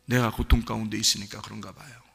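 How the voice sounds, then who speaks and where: A male pastor preaching an impassioned sermon in a church, swinging between hushed words and loud outbursts. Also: fairly low pitch, level tone, quick pace, vocal fry, husky, big-room sound. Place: church sanctuary.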